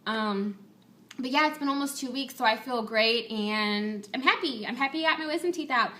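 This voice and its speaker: Female vlogger, casual and candid. Bright, forward voice sitting slightly high, chatty delivery to viewers. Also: normal speed. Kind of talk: casual chat to viewers, personal update.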